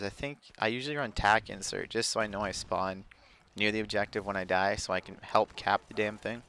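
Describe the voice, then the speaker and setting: Laid-back gravelly young man commentating. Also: fairly low pitch, a bit bright. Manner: laid-back, rambling, frequent fillers. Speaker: gameplay commentator. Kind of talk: casual gameplay commentary.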